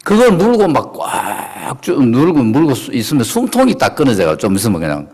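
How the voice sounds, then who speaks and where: A middle-aged male pastor delivers a sermon in a mid-pitched voice that leaps up and drops low. He preaches emphatically, throwing questions at the congregation and laughing between points. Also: wildly swooping pitch, normal speed, darkish tone, slightly rough.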